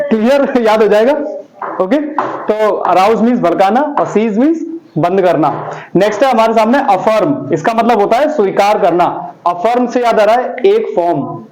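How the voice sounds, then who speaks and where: A man's voice: high-pitched, expressive, normal speed, darkish tone, poor audio. A male teacher explains English vocabulary in a playful way, using memory tricks and checking in with his students often.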